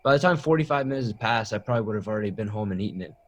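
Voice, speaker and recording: A man's voice: lowish voice, expressive, racing. A man guest co-hosting a podcast, talking bluntly in casual chat. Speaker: guest co-host.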